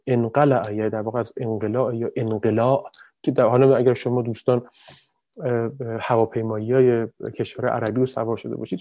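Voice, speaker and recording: A man giving an animated explanatory talk, addressing his listeners directly, with frequent fillers and self-corrections. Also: mid-range voice, no echo. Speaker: lecturer. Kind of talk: explanatory talk on language and emotion.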